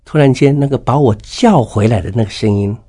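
A man's voice: medium pitch, a little fast, dark tone. A middle-aged man giving a personal faith testimony as an interview guest, telling his story with emotion and acting out the dialogue.

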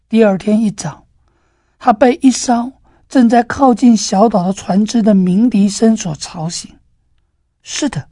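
A woman giving a devotional sermon, telling a story in a gentle, earnest way. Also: fairly high pitch, no echo, studio quality. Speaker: preacher.

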